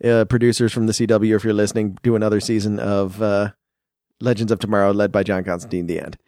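A man's voice: lowish voice, little pitch movement, fast, a little mellow, dry recording, studio quality. A man co-hosting a podcast, chatting casually in an enthusiastic, playful way. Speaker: podcast co-host.

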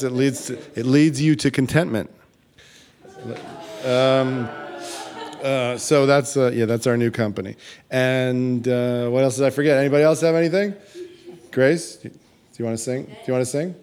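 A man's voice: medium pitch, fairly even intonation, moderate pace, a little mellow. A man hosting a small live event, chatting loosely, joking and calling on people in the audience. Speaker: event host. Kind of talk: casual live-event wrap-up.

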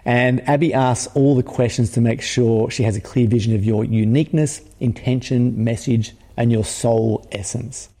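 Host: man, dark mellow tone, measured and earnest, reverb tail. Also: mid-range voice, steady tone. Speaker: podcast host. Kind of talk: interviewing, scripted intro.

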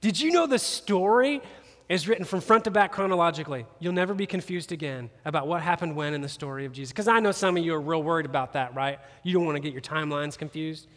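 A campus pastor with a somewhat high voice preaches a fast, animated sermon full of jokes, speaking directly and conversationally to his listeners. A long reverb follows his voice, as though it fills a large church auditorium.

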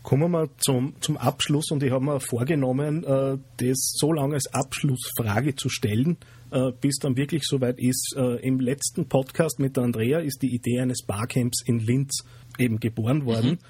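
A man hosting a podcast interview, asking calm, measured questions. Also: mid-range voice, slightly rough, no echo. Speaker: podcast host.

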